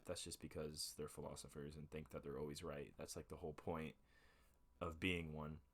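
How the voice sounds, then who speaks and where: Hosting a casual podcast from home, this young man has a bass voice that is level, fairly bright, and slightly rough, at a normal speed. Speaking into a USB desk mic with headphones on, he wanders through relaxed talk, correcting himself and dropping fillers often.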